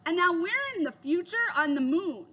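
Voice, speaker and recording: A woman's voice: extremely high pitch, sing-song, moderate pace, sharp tone, heavily acted. A woman voicing a cautious, bookish young boy in a storybook. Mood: earnest.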